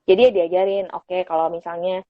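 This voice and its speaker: A woman's voice: fairly low pitch, little pitch movement, brisk, no room sound. A woman psychologist patiently explaining parenting tips in a casual live chat, addressing the host by name. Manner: casual conversational speech with fillers. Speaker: child psychologist guest. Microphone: phone on an Instagram live stream. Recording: dull lo-fi stream audio.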